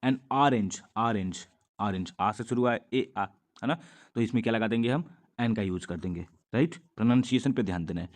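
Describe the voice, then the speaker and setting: A man's voice: on the low side, fairly quick. A man teaching English grammar, patiently asking and answering his own questions as he explains. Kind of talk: grammar lesson in Hindi.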